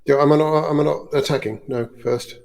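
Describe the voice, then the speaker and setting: A man's voice: a little high, steady tone, a little fast, gravelly, darkish tone. A man playing a tabletop game, fumbling and grumbling good-naturedly about his rolls. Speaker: player. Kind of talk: casual game chat.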